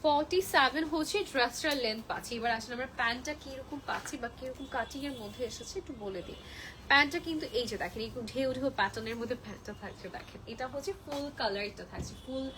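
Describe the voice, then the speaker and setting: A young woman, a little unwell, chattily pitching clothes on a live shopping stream and mixing in English phrases. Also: fast, pushed and bright, slight background noise. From Bangladesh. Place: clothing shop.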